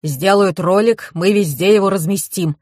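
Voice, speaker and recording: A woman reading an audiobook, voicing a gruff, stout older police colonel who is quick to anger. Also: mid-range voice, darkish tone, dry recording, clean studio sound, lightly acted.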